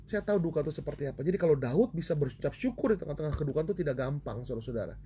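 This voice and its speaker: Male preacher, mellow, slightly high voice, heartfelt testimony, faint background hiss. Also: expressive, racing. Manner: emotional storytelling, addresses listeners as brothers and sisters. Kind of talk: online sermon with personal testimony.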